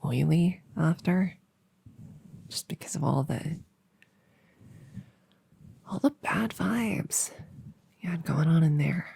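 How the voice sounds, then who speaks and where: A woman playing a nerdy, friendly elf girl in a soft-spoken ear cleaning ASMR role-play, rambling hesitantly and soothingly. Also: lowish voice, exaggerated voice. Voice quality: breathy, soft. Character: nerdy, friendly, awkward young female elf cleaning ears.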